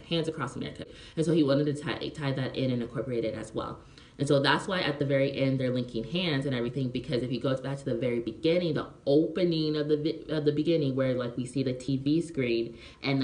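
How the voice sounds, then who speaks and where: A movie reviewer casually explaining a plot, rambling with lots of fillers and checking whether the listener is following. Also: medium pitch. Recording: roomy echo.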